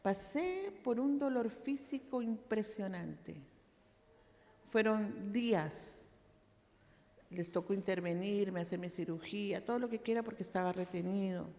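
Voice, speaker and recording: A woman pastor delivers a personal testimony sermon at a measured pace in a mid-range, darkish voice. She tells her story dramatically with recurring phrases, her words reverberating around a large church hall.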